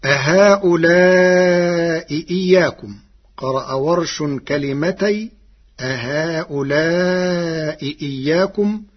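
A man presenting a lesson on recitation variants in a measured way, chanting the quoted verses more loudly than his explanations. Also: on the high side, slightly rough. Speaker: presenter of a Quran reading lesson. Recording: dull lo-fi recording.

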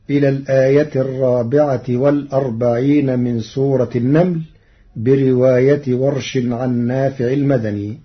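A man presenting a formal scripted lesson on reading variants, measured and deliberate, slowing to intone the quoted verses. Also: mid-range voice, slightly rough, muffled recording.

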